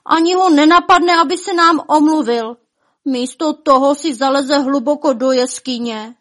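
A woman voicing a group of small distraught elves in a storybook, wailing and lamenting loudly. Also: high voice, pitched above the performer's own voice.

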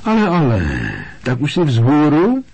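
A man reading an audiobook, voicing a brisk, stern middle-aged school nurse who turns shrill and bossy. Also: animated, darkish tone, lightly acted. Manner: bossy, shrill when upset.

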